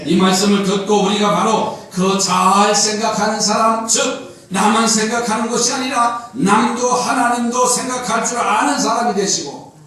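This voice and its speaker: A man, a pastor, preaching a Sunday sermon with slow, emphatic swells and sudden loud cries, recorded in a church sanctuary. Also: high-pitched. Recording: very echoey church hall, mic at a distance.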